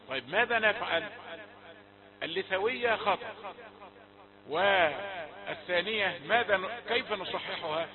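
A high-voiced man with an Egyptian accent teaches Quran pronunciation, explaining each rule and then drawing the words out in slow chanted examples. The sound is thin and phone-like, with a crowd murmuring behind him. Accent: Egyptian Arabic. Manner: explains then demonstrates slow drawn-out recitation. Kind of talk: tajweed lesson with chanted examples.

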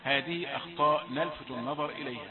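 A man teaching Quran recitation, explaining points and then chanting slow, drawn-out examples. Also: mid-range voice. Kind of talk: recitation lesson. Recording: tinny phone-like sound with crowd behind.

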